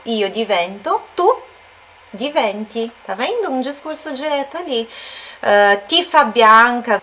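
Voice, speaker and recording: A woman's voice: a little high, bright, forceful tone. Woman teaching Italian through a song. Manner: explains slowly, repeats words and checks in with tag questions. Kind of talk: language lesson analyzing a song.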